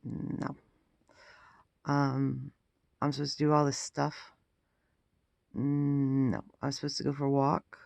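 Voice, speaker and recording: Exhausted, very gravelly, croaky man. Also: medium pitch, monotone, slow pace, long pauses, darkish tone, dry recording. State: exhausted and groggy; throat rough after intubation. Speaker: vlogger. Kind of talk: casual personal health update to camera.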